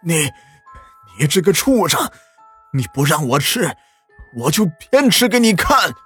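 A man voicing a stubborn, defiant lame old man in a spooky audio story, shouting back at his son. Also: medium pitch, expressive, measured pace, slightly rough, soft background music. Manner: cackling, obstinate shouting.

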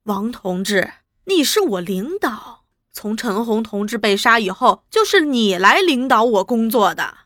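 A woman's voice: on the high side, sing-song, measured pace, fairly bright tone, no room sound, studio quality, exaggerated voice. A woman voicing a cowardly male traitor who whines and pleads. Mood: pleading. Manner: whining, pleading.

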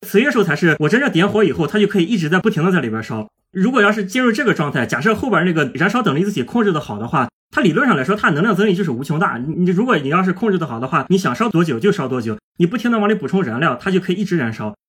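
A man walks a podcast audience through physics in a brisk, rushing flow of talk. His pitch leaps up and down with real animation, and his voice has a husky edge. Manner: lively, explains step by step with everyday images. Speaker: guest, plasma physicist. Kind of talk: explanatory podcast chat.

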